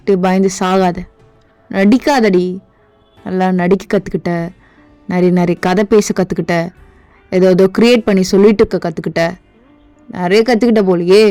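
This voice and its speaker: A woman's voice: medium pitch, fairly even intonation, normal speed, pauses often, mellow, no echo, soft background music, close to an everyday voice. A woman voicing an irritated young boyfriend in a fan voice drama, with a curt, harsh, dismissive manner. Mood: scolding.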